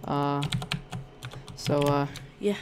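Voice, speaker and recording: Drawing out his words in a slightly high voice, a young man with a sore throat casually presents a Minecraft resource pack on his YouTube channel. He rambles hesitantly with many ums and restarts, and there's background noise.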